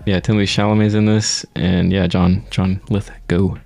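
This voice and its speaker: A man's voice: low-pitched, little pitch movement, normal speed, creaky, darkish tone, no echo. A man in a casual film chat, blunt and joking.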